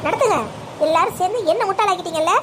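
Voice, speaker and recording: A woman's voice: very high-pitched, very fast, background noise. Woman voicing a furious, bitter mother. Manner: bitter, accusing, issues demands. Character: furious betrayed mother, middle-aged woman.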